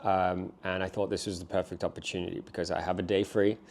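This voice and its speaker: A man's voice: low voice, level tone, fast talker, vocal fry, darkish tone. A man, telling his story in a candid, reflective vlog, his voice nasal from a cold. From Australia. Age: 20s. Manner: candid, reflective, with frequent fillers. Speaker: vlogger.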